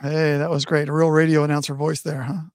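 A man's voice: a little high, level tone, quick pace, no room sound, clean studio sound. A man hosting a podcast as a pastor, chatting casually with lots of filler sounds. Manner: friendly, many filler sounds.

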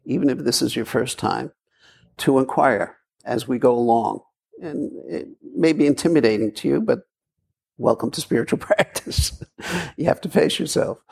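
A man's voice: mid-range voice, gravelly, a little mellow, husky. A man giving a Zen dharma talk, telling a story in a rambling way with repeats and fillers. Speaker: Zen teacher. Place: meditation hall.

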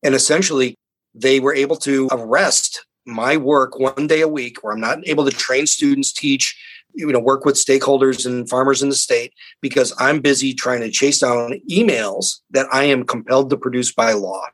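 A man's voice: mid-range voice, moderate pace, a bit bright, poor audio. A man, a university scientist, speaking as a guest in an interview, explaining things in an earnest, plain-spoken way. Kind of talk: conversational interview.

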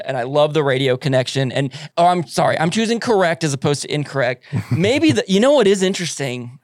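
A man's voice: fairly high pitch, dry recording, studio quality. A man hosting a podcast in casual chat, talkative and self-deprecating, laughing often as he goes. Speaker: radio board operator and podcast host.

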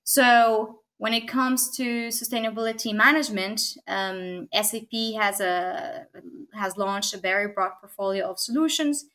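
An Argentine technology consultant is a guest on a podcast interview, speaking thoughtfully with frequent pauses, many fillers and restarts, and a habitual "right?". Her voice is mid-range and a bit bright.

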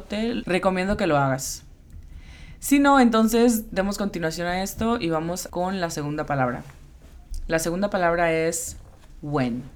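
A woman with a low voice teaches English on a bilingual lesson podcast. She explains each word and spells out its pronunciation slowly and carefully, like a patient teacher.

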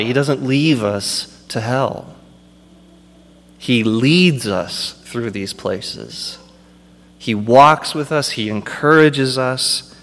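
A man's voice: mid-range voice, long reverb tail. A man preaching a sermon as pastor, with impassioned delivery that builds to emphatic peaks.

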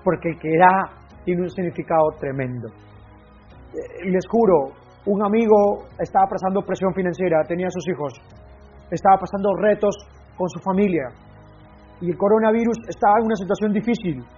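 A man's voice: high-pitched, moderate pace, long pauses, a little mellow, breathy edge, dull audio, soft background music. A man giving an impassioned motivational talk, repeating his key phrases for weight. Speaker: motivational speaker.

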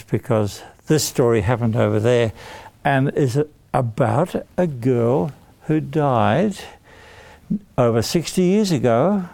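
A man telling a story to children, explaining things simply and deliberately. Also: medium pitch, creaky, a little mellow, dry recording.

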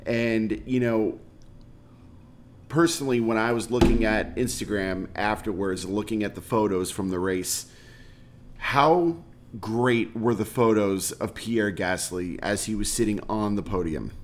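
A man's voice: fairly low pitch, unhurried. A man co-hosting a sports podcast in casual chat, joking and eager to chime in. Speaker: podcast co-host.

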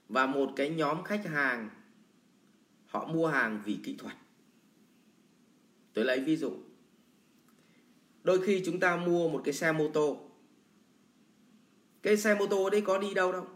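A man's voice: medium pitch, a bit bright. Man teaching sales, roomy echo. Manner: colloquial, blunt, with many everyday examples. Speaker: sales trainer. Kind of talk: lecture answering a viewer question.

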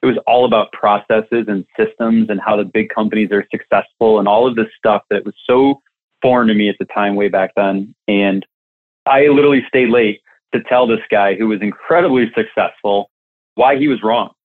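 A man's voice: lowish voice, fairly even intonation, normal speed. A man who coaches staffing businesses, telling a candid, reflective story in an interview. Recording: tinny phone-like line.

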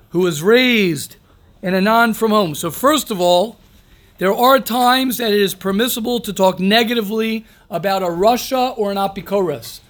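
A man teaching an informal religious class, reading aloud and commenting emphatically, repeating phrases and asking rhetorical questions. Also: high-pitched. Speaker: rabbi teaching a daily class.

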